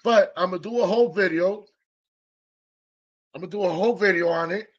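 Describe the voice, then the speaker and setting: A man's voice: high-pitched, brisk, highs cut off. A man hosting his aquarium vlog from the fish room in his living room, talking in a hyped, playful way and repeating his phrases. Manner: hyped, playful, repeats phrases, does mock announcer bits. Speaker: aquarium channel host. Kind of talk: casual hobby vlog.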